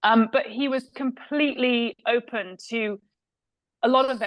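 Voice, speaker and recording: Thoughtful but full of fillers and false starts, a woman from England who directs films responds to an interviewer in her English accent. The audio is poor and dry, carrying her fairly bright, mid-range voice.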